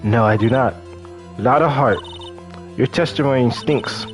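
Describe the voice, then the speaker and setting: A man's voice: medium pitch, a little slow, faint music behind, lightly acted. A man voicing an earnest, loyal young woman who speaks up firmly. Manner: earnest, pleading.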